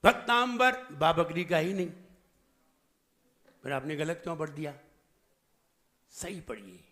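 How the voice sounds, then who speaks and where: A man teaching an audience in a sermon style, quizzing them, making them repeat, and swinging between loud emphatic lines and soft asides. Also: fairly high pitch. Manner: asks the audience questions and makes them repeat; drawls single words slowly to show the right pronunciation. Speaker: Jain monk teaching a training camp.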